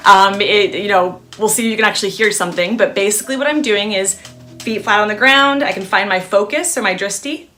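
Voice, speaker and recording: A woman's voice: medium pitch, brisk, pushed and bright, soft background music. A woman leading a casual live-stream breathing lesson as a yoga instructor, chatty and encouraging as she speaks straight to her viewers. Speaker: yoga instructor and wellness coach.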